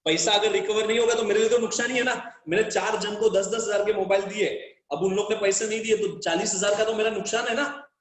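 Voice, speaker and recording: A man's voice: high-pitched, fairly even intonation, a little fast, hardly any pauses. A male commerce teacher giving a classroom lecture, explaining with role-play examples, repeating key terms and quizzing his students. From Gujarat, India. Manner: switches between Hindi and English. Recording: echoey classroom.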